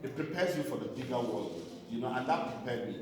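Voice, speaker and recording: A man's voice: medium pitch, lively intonation, fairly quick. A man in his forties telling his life story to an audience in a reflective way, with many "you know"s and restarts. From Nigeria. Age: 40s. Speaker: guest speaker, film producer. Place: large echoey hall. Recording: echoey hall from far off, noisy.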